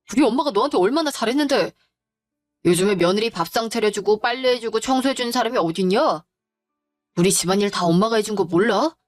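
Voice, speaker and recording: A woman's voice: on the high side, dry recording, close to an everyday voice. An indignant young husband who takes his mother's side, as a woman storyteller puts him on. The delivery is reproachful, the sound dry and close, with faint music behind. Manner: accusing, reproachful.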